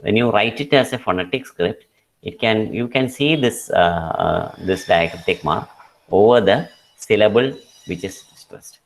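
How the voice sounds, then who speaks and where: A man with a Malayali English accent giving an online lecture, explaining slowly with many fillers and switching into Malayalam. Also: lowish voice, gravelly. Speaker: English teacher.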